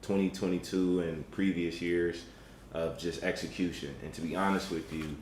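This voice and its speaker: Very low, laid-back speaker in echo. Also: steady tone, normal speed, a little mellow. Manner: laid-back, hesitant with ums. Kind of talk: casual group chat. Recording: echoey room with faint noise.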